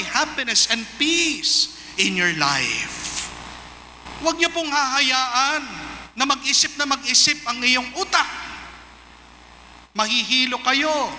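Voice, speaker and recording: A Filipino priest preaches in a very high, ringing voice, slowing right down and leaning on each word when he switches to English. His sermon echoes through a big convention hall with a long reverb tail, and a faint hiss sits under it. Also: bright, forceful tone. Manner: mixes Filipino and English, asks "Amen?" of the crowd; slows and stresses English lines.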